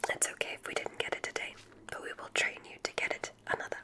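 In a breathy whisper, a woman plays a witch examiner for an ASMR roleplay, her manner soft, calming, deliberate and reassuring.

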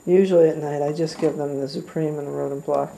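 A woman who rehabilitates squirrels, chatting gently on a casual video tour of an indoor room full of cages, recorded on a handheld camera mic. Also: low-pitched, fairly even intonation, quick pace, vocal fry, slight background noise, rough recording. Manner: gentle, chatty, coos at animals.

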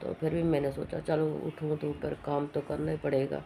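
A middle-aged woman talks through her day for a home vlog, rambling and matter-of-fact. Her throat is hoarse from a lingering cough, and her voice is gravelly, mellow and flat. Faint background noise sits under the recording. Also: sits low, normal speed. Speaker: vlogger. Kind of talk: casual home vlog chat.

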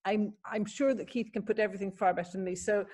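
A woman's voice: medium pitch, fairly even intonation, fast talker, darkish tone, breathy edge. Woman in her 50s hosting, introduces the guest on zoom, lots of ums. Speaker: host. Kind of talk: introducing a speaker. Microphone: laptop camera, video call.

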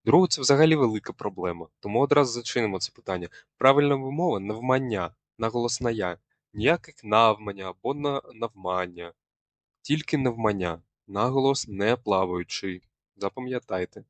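A man's voice: medium pitch, expressive, quick pace, no echo. A young male student presenting a scripted language lesson, explaining a word and quizzing viewers in a teacherly way. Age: young adult.

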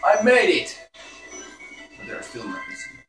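A gaming video host with a high-pitched, very animated, fairly bright voice comments casually on his live gameplay at a moderate pace, exclaiming and swearing in frustration. He's in an indoor room in front of a television, captured by a distant mic in a roomy space, with faint game music behind him.

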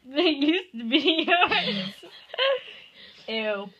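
A woman's voice: high voice, big pitch swings, very slow, creaky, fairly bright tone, muffled recording, a little hiss or hum. A young woman chatting goofily with a friend, giggly and prone to dramatic outbursts. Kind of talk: casual chat.

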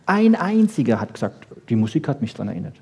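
A man with a mid-range, sing-song voice, a little mellow and breathy, speaks at a quick pace. He gives an animated, informal brain research lecture to an audience, explaining conversationally with rhetorical questions and short emphatic statements.

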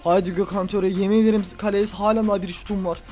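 Ranting at the referee, a man provides let's play commentary on a football video game, swinging from loud outbursts to low grumbling. His tone is level and his pace quick, with faint music playing in the background.

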